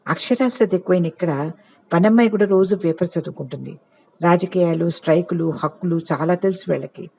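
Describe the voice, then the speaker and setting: A man narrating a literary short story with a measured, reflective reading. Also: high voice, creaky, darkish tone, slightly rough.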